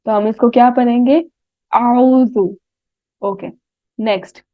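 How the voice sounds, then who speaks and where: A woman with a Pakistani Urdu accent teaching a tajweed lesson, sounding out Arabic words slowly and often checking "right?" with her students. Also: fairly high pitch, dry recording. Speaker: Quran recitation teacher. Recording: tinny phone-like dry audio.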